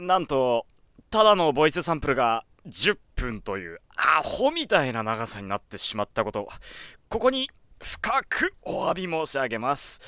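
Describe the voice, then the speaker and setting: A man's voice: a little high, pushed and bright, clean tone, no echo, clean studio sound. A man presenting his voice sample in casual, apologetic, self-deprecating chat.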